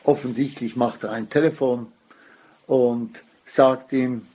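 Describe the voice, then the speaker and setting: A man telling a religious story as a lecture, unhurried and weaving Hebrew phrases into his talk. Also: mid-range voice, fairly even intonation, mellow, husky.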